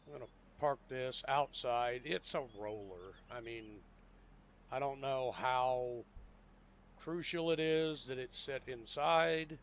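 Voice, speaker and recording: A man giving casual gameplay commentary, rambling and thinking out loud in a laid-back, drowsy way. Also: medium pitch, takes it slowly, muffled recording.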